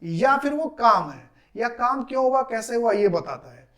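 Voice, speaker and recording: A man teaching English grammar in a classroom lecture. He asks questions, answers them himself and repeats key terms slowly. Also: extremely high pitch, sing-song, sharp tone. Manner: drills terms with repetition.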